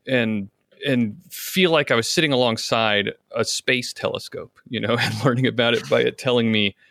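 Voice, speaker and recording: Enthusiastic male judge, mid pitch, dry. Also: a bit bright, no echo. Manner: enthusiastic, laughs while talking. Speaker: podcast contest judge. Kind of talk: casual critique.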